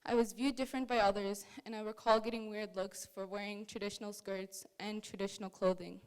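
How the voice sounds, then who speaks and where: A young woman from Canada reading a prepared personal story at a museum talk, earnest and measured. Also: medium pitch, flat delivery, clear, resonant tone, low-quality recording. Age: young adult.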